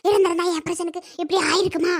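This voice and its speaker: Woman doing a super high squeaky cartoon granny, always nagging n scolding the daughter-in-law. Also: fairly even intonation, racing. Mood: scolding, wailing. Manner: scolding, complaining, wailing. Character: nagging grumbling grandmother, mother-in-law. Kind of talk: cartoon voice acting.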